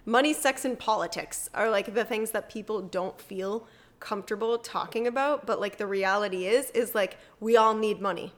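A woman's voice: medium pitch, moderate pace. A woman co-hosting a podcast in casual chat, enthusiastic, swearing freely and laughing often. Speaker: podcast co-host.

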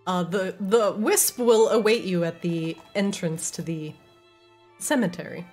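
A woman's voice: mid-range voice, a little slow, darkish tone, faint music behind. A woman running a tabletop role-playing game as game master, narrating scenes to her players.

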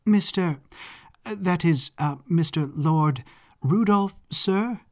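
A man's voice: high voice, big pitch swings, slow, voice pushed up, full character voice. A man voicing a shy young woman assistant who talks in a hesitant, stumbling way. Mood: flustered.

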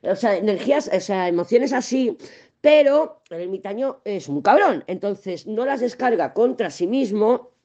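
A woman's voice: medium pitch, expressive, normal speed, warm tone, dull audio. Chatty Spanish woman reading tarot. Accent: Spain Spanish. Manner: chatty, swears freely, rambles off on tangents. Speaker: tarot and astrology reader. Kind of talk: casual tarot reading chat.

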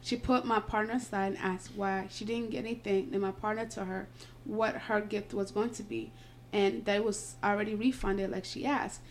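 A woman's voice: medium pitch, fairly even intonation, normal speed. A woman hosting a casual podcast, reading a post aloud, her speech slightly slurred by retainers. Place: indoors, home recording. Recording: buzzing noise in background.

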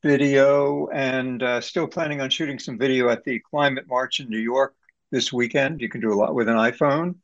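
A man in his eighties giving a halting, casual introduction on a video call. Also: mid-range voice, steady tone, lo-fi sound. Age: 80s. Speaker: panel guest.

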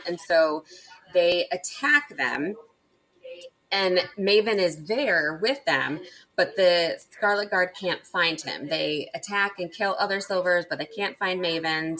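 A woman's voice: on the low side, sharp tone, low-quality recording. A woman hosting a casual book discussion, recapping the plot with enthusiasm and laughing often. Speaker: book podcast host.

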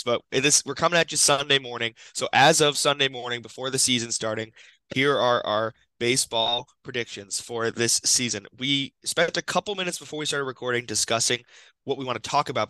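Young male podcast co-host, bright morning voice, dry close mic, keeps the chat moving. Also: mid-range voice, no room sound, low-quality recording. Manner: upbeat, steers the talk. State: just woken up, morning voice. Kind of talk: casual sports podcast chat.

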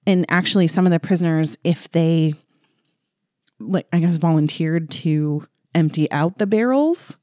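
A woman's voice: low voice, measured pace, mellow, dry recording, clean studio sound. A woman co-hosting a podcast, telling a history story casually with lots of fillers and wry asides. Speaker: podcast co-host.

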